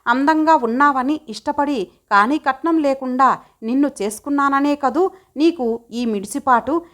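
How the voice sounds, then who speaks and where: A woman's voice: high-pitched, moderate pace, fairly bright tone. Woman reader doing a stern elderly household head, scolding and curt, for an audio story. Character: stern older husband and father-in-law, commanding.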